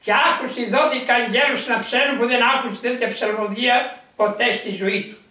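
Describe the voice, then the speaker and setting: A monk, a man, telling a miracle tale in an animated, rambling way with lots of quoted dialogue. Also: extremely high pitch. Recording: echoey room from far off.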